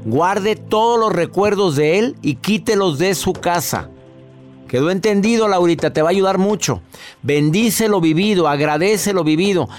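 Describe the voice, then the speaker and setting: A man hosts a radio advice program, his voice sitting a little high. He jokes easily and speaks to callers in a direct, caring way. Faint music plays behind him. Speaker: radio show host. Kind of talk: casual advice talk.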